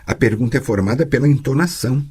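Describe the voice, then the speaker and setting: A man voicing a patient, teasing sorceress who tutors a girl, speaking calmly and gently chiding in an audiobook. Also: mid-range voice, fast talker, breathy edge. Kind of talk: audiobook character voice.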